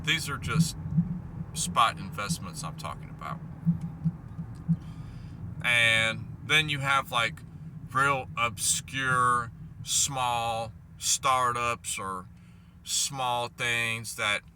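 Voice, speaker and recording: A man vlogging in a casual, rambling, playful way, halting as he goes, with a whistling S. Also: mid-range voice, sharp tone. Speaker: vlog host. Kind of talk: casual rambling solo talk. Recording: noisy, car noise behind voice.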